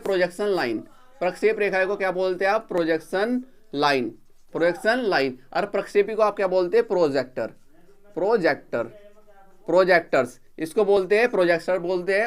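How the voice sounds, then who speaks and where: A man teaching engineering drawing, explaining each term and then repeating it, often asking the class what it is called before answering. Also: sits high. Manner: repeats each term and asks rhetorical questions to drill it.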